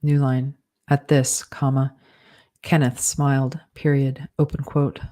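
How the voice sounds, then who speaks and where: A writer dictating a story aloud, saying each punctuation mark and correction in a measured, even way. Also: medium pitch. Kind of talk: dictating fiction aloud with spoken punctuation commands.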